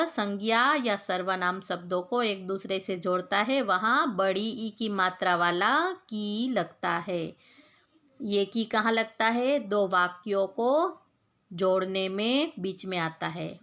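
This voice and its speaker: Slow, patient woman teacher. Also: mid-range voice, fairly bright tone. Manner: patient, repeats points and asks the class questions; spells words out slowly sound by sound. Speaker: school teacher. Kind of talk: Hindi grammar lesson for children.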